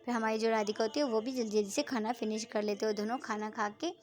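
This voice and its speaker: A woman tells a love story in a casual, rambling way, often repeating herself and restarting names. Her voice sits a little high. Faint music plays behind her. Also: steady tone, fast.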